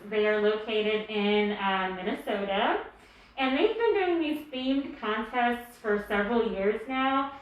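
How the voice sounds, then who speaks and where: A woman's voice: on the high side, animated, a little slow. A woman giving a casual guided tour as a guide, her voice slightly muffled through a face mask. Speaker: exhibit tour guide and co-curator. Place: indoor art gallery. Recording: very echoey room.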